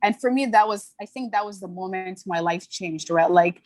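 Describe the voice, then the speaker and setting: A medium-pitched young woman, a brand founder who was born in Ghana and grew up in Toronto, chats as a podcast guest with candor and sincerity, laughing often. Her interview storytelling is casual, and the audio has no echo.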